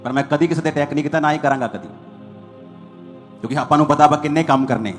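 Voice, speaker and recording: A male pastor, preaching quickly in a fairly high voice and driving each point home through short repeated bursts. Soft music plays under his sermon.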